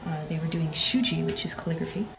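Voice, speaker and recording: A woman's voice: low voice, fast, gravelly. Middle-aged woman guiding a house tour. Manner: explaining, pointing things out, "if you notice". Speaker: museum docent. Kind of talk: guided demonstration. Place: indoors in an old wooden farmhouse. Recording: distant mic with music behind.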